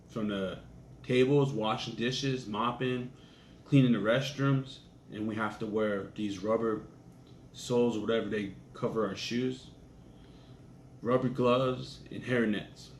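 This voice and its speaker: A man's voice: on the low side, unhurried. Man telling a profane story, roomy sound. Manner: profane, laid-back anecdotal delivery. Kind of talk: casual storytelling. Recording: echoey room with faint ambient noise.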